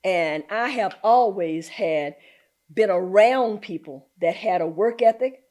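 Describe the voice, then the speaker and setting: Older woman, community activist guest, animated storyteller, wide-ranging pitch, folksy asides. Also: slow. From southern Virginia, US. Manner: animated storyteller who slips into folksy Southern talk and laughs often. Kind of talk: storytelling in a conversational interview.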